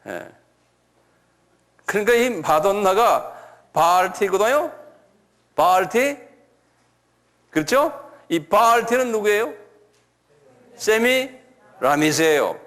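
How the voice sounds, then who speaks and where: A man's voice: high-pitched, animated, slow pace, pauses often, fairly bright tone. A middle-aged male pastor giving a Bible lecture, asking the listeners questions and answering them himself, repeating key words. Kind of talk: sermon-style Bible lecture.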